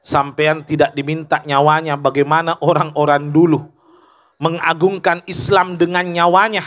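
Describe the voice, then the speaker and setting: A male preacher delivers a lighthearted sermon, teasing his listeners and throwing questions at them. His voice is bright and forward. His delivery moves between jokes and earnest storytelling. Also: fairly high pitch, fairly even intonation, normal speed. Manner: joking and teasing with the audience, asks questions. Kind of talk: humorous sermon.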